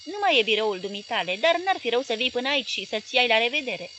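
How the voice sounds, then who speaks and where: A woman voicing a mocking male office clerk who taunts his former boss in a loud, raised reading voice. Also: sits high, very animated, slight background noise, pitched above the performer's own voice, full character voice.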